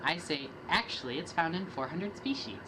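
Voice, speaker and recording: A young woman student with a strikingly low voice does a dramatic reading of rap lyrics at normal speed, trading verses with a partner in a steady rhythm. The homemade recording carries clear hiss and background noise.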